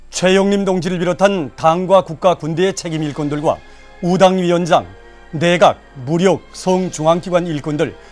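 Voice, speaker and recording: A man with a North Korean accent reading scripted news in a solemn, declamatory manner. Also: high-pitched. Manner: declamatory, formal. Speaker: news announcer.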